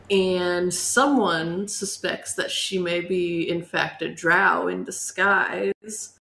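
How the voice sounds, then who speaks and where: A woman's voice: on the low side, reverberant, slight background noise. A woman narrating as game master in an informal, conversational way. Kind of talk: casual tabletop game narration.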